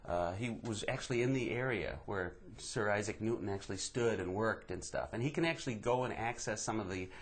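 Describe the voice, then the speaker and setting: A man's voice: lowish voice, fairly quick, hardly any pauses. A young man from Wisconsin, a comedian guest in casual comic chat, laughing often and slipping into mock Midwestern voices.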